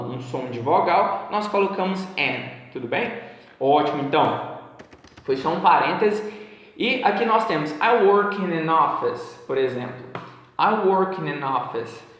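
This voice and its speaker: A man from Brazil giving a casual online English lesson, explaining patiently and repeating examples slowly. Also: on the high side, fairly bright tone. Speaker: English teacher. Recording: very echoey room, long reverb.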